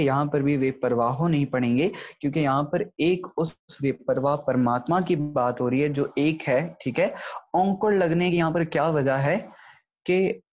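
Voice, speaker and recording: Man, fairly high voice, online grammar lecture, patient step-by-step explaining. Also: darkish tone. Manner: explanatory, keeps checking in with "thik hai". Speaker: Gurbani grammar teacher.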